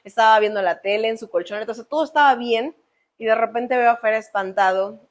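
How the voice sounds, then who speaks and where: A woman with a Mexican accent, co-hosting a podcast, tells an emotional personal story in a lively way and acts out the voices she quotes. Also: on the high side, brisk. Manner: animated, acts out quoted voices, frequent fillers. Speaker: podcast co-host.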